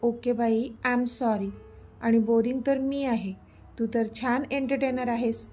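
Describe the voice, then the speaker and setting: Lady doing a cheeky young guy begging his girl to make up, soft and mellow. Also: a little high, little pitch movement, measured pace, faint music behind. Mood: pleading. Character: young playful man, teasing boyfriend.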